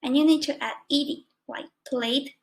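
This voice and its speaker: A woman's voice: high-pitched, fairly even intonation, moderate pace, rough recording. A young woman student with an Indonesian accent, reading a prepared grammar lesson carefully, word by word. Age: young adult. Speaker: student presenter.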